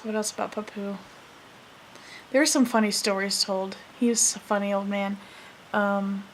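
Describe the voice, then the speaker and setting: A woman in her twenties telling family stories to camera in a soft, hesitant way, full of fillers and self-corrections. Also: mid-range voice, slight background noise. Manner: laughs while recalling funny moments. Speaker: vlogger. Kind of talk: casual storytelling to camera.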